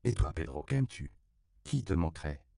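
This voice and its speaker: A man's voice: rumbling low, sing-song, normal speed, vocal fry, dark tone, clear, resonant tone, dry recording, heavily acted. A man reading an audiobook, voicing a mysterious, alluring woman who speaks in a coaxing yet imperious way.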